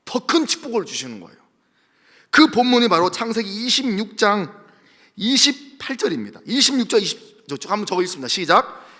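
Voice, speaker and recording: A male pastor preaching a sermon with a high, bright voice and lively, sweeping pitch. He tells it in an animated, exclaiming way. A long church hall reverb hangs on every line. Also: brisk.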